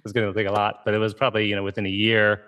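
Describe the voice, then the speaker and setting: A man's voice: lowish voice, completely flat delivery, rapid-fire, fairly bright tone, clear, resonant tone. A man in his forties from Ohio, a game creator telling his story as a guest in a conversational interview, in an easygoing way full of "you know" and "right?". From Ohio, USA.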